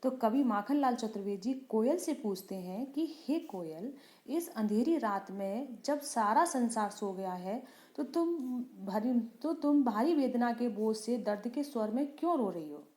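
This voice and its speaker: A woman teacher explaining a poem line by line. She asks questions and answers them herself, and she slows down for the poem lines. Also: fairly high pitch, expressive, darkish tone, roomy sound. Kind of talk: Hindi poem explanation lesson.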